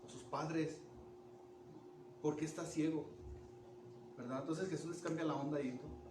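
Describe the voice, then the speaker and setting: High-voiced preacher. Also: male voice, normal speed, background noise. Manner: animated, asks the congregation questions, restarts words. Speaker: pastor. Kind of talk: sermon. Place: church. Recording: echoey church room from far off.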